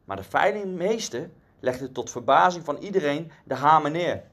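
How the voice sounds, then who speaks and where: A man's voice: fairly high pitch, lively intonation, moderate pace, a bit bright. A man giving a conversational devotional sermon, telling a story earnestly with casual asides.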